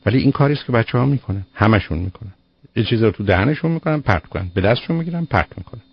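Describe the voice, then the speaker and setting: A man's voice: on the low side, expressive, gravelly, husky, dry recording. A man giving firm child-rearing advice to a caller on a call-in show, explaining with everyday examples. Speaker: child psychologist answering a caller. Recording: dull lo-fi radio broadcast.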